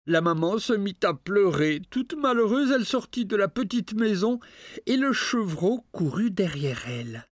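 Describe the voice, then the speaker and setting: Expressive man narrating a fairy tale. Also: high-pitched, unhurried, no room sound, studio quality. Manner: expressive, rising and falling storytelling. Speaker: storyteller. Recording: narration over clear music.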